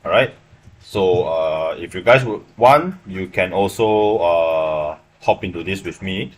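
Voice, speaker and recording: Deep-voiced Malaysian man explaining trades live. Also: slow. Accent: Malaysian English. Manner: casual, explanatory, checks in with "right?" often. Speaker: livestream forex trader. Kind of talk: live trading stream commentary. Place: small room indoors.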